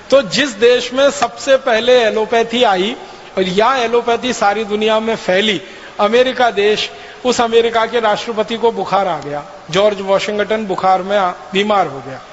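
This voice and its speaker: High-voiced man lecturing in a hall. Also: fairly bright tone. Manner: emphatic, repetitive storytelling. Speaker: speaker lecturing an audience. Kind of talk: public lecture. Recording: dull, lo-fi hall recording with faint noise.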